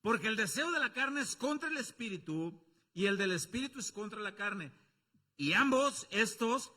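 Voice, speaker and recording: A man with a Mexican accent preaching a sermon as pastor, swinging from loud calls to low asides and acting out quoted voices. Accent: Mexican Spanish. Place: church.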